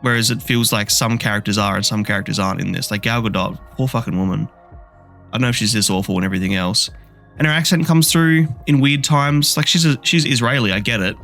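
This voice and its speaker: A podcast co-host reviews a film in casual chat, ranting bluntly and swearing freely as his energy keeps rising. His voice is fairly low, gravelly and fairly bright, and he talks fast over soft background music.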